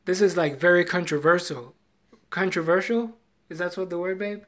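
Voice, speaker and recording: A man's voice: high-pitched, moderate pace. Young Jamaican man, casual live vlogger, rambling storyteller. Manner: rambling, animated storyteller who retells conversations.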